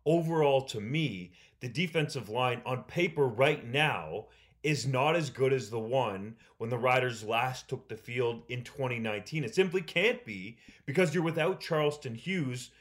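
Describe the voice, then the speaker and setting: A man co-hosting a sports talk show, giving casual, measured analysis. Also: medium pitch.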